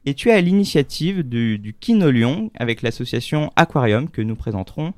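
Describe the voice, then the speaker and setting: A man's voice: mid-range voice, expressive, fairly quick, darkish tone, no echo. A man hosting a French student radio show, introducing guests in a friendly, loose way from the studio. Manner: friendly, introduces guests with small stumbles and laughs.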